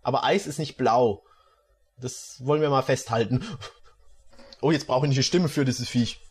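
A man's voice: mid-range voice, normal speed, a little mellow, slightly rough. A man reading bad fan fiction aloud and mocking it with sarcastic comments.

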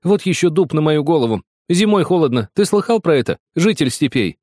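A man voicing a scornful, frightened teenage girl who snaps and shouts. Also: on the high side, very animated, a little fast, dry recording, clean studio sound, pitched above the performer's own voice. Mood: shouting. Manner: snapping, scornful. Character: sharp scared teenage girl.

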